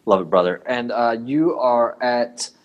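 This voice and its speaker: A man with a middle-pitched voice hosting a podcast. He keeps things relaxed and chummy and calls his guest "brother". His questions come out loose and unhurried. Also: dull audio. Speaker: podcast host. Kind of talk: casual podcast interview.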